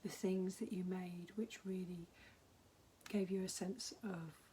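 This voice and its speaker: A hoarse woman with a husky, half-whispered voice, gently giving encouraging advice in a casual vlog. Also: on the low side, fairly even intonation, slow pace, a little hiss or hum, low-quality recording. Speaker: mentor.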